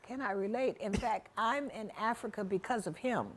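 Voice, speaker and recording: A woman's voice: mid-range voice, moderate pace. A woman guest in a casual interview who speaks in a conversational, emphatic way. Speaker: guest, ambassador.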